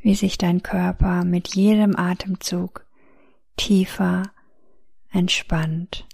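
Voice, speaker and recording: A woman narrating a guided meditation in a soft, soothing, gentle voice with long pauses. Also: on the low side, level tone, gravelly, breathy edge, dry recording.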